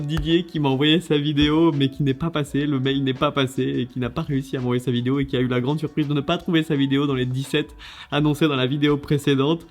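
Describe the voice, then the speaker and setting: A man hosting a casual video, judging contest entries in a lively, chatty way with many fillers and restarts. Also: mid-range voice.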